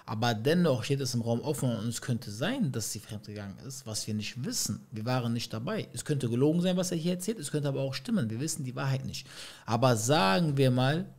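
A man's voice: mid-range voice, expressive, brisk, a little mellow. A man reacting to a clip, musing aloud in casual slang and putting questions to his viewers. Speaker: reaction streamer.

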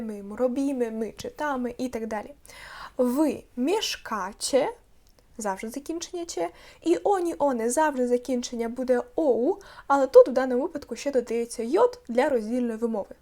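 Female language teacher, slightly high voice, patient step-by-step explainer. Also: warm tone. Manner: explains patiently, sounds out words slowly with stress. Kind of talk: online language lesson.

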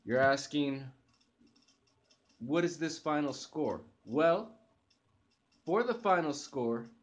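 On his living room couch, a young host reviews coffee to camera in a slow, high-leaning voice with lively intonation. He sounds enthusiastic but hesitant, restarting and using fillers. A webcam records him up close.

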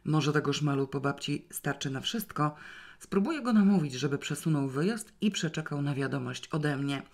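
An impulsive young woman, quick to get excited, as a reader puts her on. She talks eagerly, in an audiobook reading. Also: mid-range voice. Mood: hopeful.

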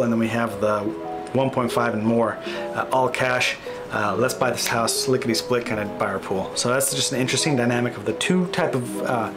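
A man in his thirties, a real estate agent, giving a casual screen-share market update, thinking aloud with fillers and self-corrections. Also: mid-range voice.

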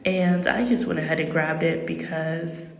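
Woman, effusive casual vlogger, fry-edged delivery, reverberant bathroom recording with music underneath. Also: sits low, fairly even intonation, measured pace. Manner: chatty, effusive, self-interrupting. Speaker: video host and painter. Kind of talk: casual chatty product review voice-over. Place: small echoing bathroom, indoors. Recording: echoing bathroom, music behind. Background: background music.

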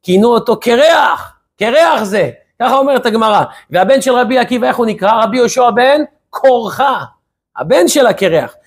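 Giving his weekly Torah lesson, a rabbi speaks in a very high-pitched voice with a breathy edge. He tells stories in a lively way and keeps asking his listeners rhetorical questions.

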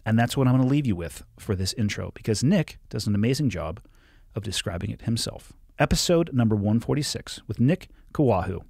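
A man's voice: fairly low pitch, a little fast, gravelly, dry recording. A man in his thirties hosting a podcast, chatting casually into a studio mic and swearing freely. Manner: swears casually, lively delivery. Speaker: podcast host. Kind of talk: casual interview chat. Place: small studio with curtained walls. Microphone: studio mic on boom arm, headphones.

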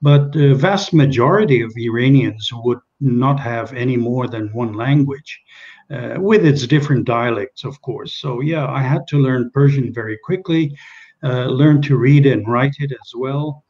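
This older guest, Kenyan by origin with Czech as his first language, answers video call interview questions haltingly, with many restarts and trailing pauses. Recorded on a webcam in a small home room, his mid-range, darkish voice moves a little slowly through lo-fi sound.

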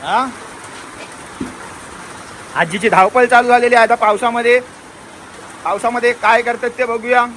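A man vlogging outdoors in a village in the rain, talking chattily and excitedly to his viewers and calling out to family members. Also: very high voice, unhurried, long pauses, rough recording. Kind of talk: casual vlog narration to viewers. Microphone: handheld phone. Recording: loud rain noise outdoors.

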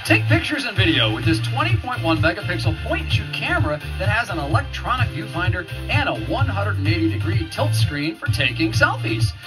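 A man working as a game show announcer, reading out prizes in a booming, hyped delivery. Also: low-quality recording. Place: TV game show studio stage. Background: loud show music.

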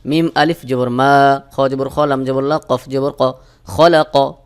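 Male Quran teacher from Bangladesh, unhurried and smooth-toned, spells each letter before chanting the verse. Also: mid-range voice, steady tone. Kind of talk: slow spelled-out Quran recitation lesson.

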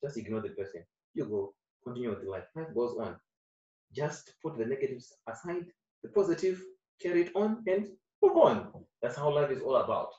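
The interviewee, an actor from Zimbabwe who grew up speaking Shona, chats casually at a moderate pace. His manner is earnest and repetitive, with animated surges in pitch and volume, and the distant microphone gives a dull, roomy quality.

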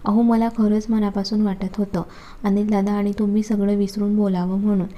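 A woman's voice: medium pitch, little pitch movement, a little fast, mellow, lightly acted. A woman voicing an innocent young wife who pleads affectionately with her husband in a storybook reading. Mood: pleading.

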